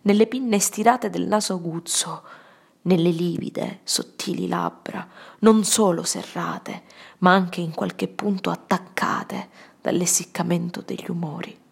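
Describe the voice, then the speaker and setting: A woman narrating a literary audiobook in a solemn, dramatic way, often sinking to a hushed whisper. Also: lowish voice, fairly even intonation, measured pace, creaky, slightly rough.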